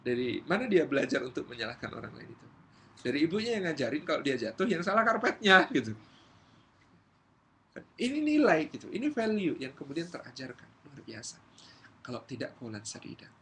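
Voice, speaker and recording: Lively Indonesian-speaking male preacher. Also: a little high, brisk, slight background noise. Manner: lively storytelling, acts out quotes. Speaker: Islamic preacher. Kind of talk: Islamic study lecture. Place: community gathering hall.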